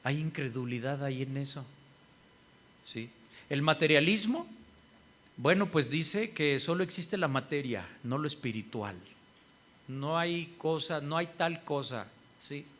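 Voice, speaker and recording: A man's voice: fairly high pitch, animated, measured pace, long pauses, a bit bright, slight background noise. A male pastor preaches a sermon, often asking the congregation "¿sí?" and acting out what other people say. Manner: asks the congregation "¿sí?" often, acts out quoted people.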